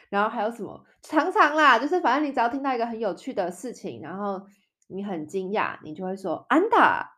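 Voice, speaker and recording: A woman's voice: mid-range voice, brisk, fairly bright tone. Young woman from Taiwan, casual podcast host, chatty, acts out little example lines. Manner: chatty, explains with playful example dialogues. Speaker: podcast host teaching Spanish. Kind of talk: casual chat.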